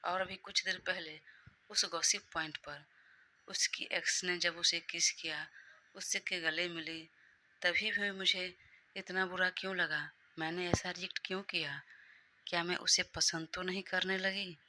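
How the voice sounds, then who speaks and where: A woman's voice: on the low side, steady tone, moderate pace, bright, forceful tone, slight background noise. A woman voicing a confused, heartbroken young woman who keeps questioning her own feelings in a Hindi audio story. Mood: anxious, self-questioning. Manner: questioning herself in an anxious inner monologue.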